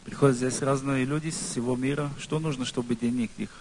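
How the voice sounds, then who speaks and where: A man's voice: mid-range voice, fairly even intonation, quick pace, darkish tone, low-quality recording. A man interpreting questions, hesitant and with restarts. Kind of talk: casual interpreting.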